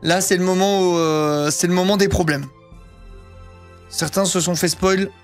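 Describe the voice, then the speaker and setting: Soft music plays behind a high-pitched man in his thirties whose tone stays steady and measured. He streams a casual, rambling chat about things he bought, packed with fillers, crude slang, and free swearing.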